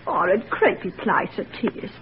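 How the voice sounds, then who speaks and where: In 1940s radio acting, an actress plays an anxious, devoted young working-class village girl who is breathless and pleading. Her mid-range voice is natural and sing-song at a normal speed, heard through a tinny old radio broadcast with faint hiss.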